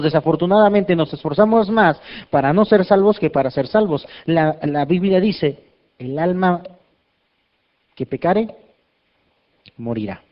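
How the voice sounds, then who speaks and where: Lively pastor, lo-fi sound. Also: male voice, high-pitched. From Mexico. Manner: lively, asks the congregation questions, self-mocking humor. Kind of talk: sermon. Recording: dull lo-fi sound.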